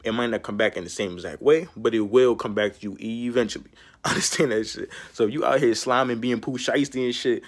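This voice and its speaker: A man's voice: medium pitch, steady tone, fairly quick. Slangy, rambling young man vlogging. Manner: slangy and rambling, peppered with "bro" and "you know what I'm saying"; preachy, street-style life advice. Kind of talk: casual monologue to camera.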